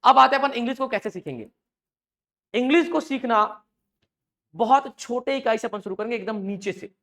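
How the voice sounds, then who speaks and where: A male teacher, giving a live class in a lively, chatty way. He keeps asking the students questions, answers them himself and repeats the key words. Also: very high voice, a little fast. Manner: lively and chatty, with homely examples and mild jokes. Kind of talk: live online class lecture.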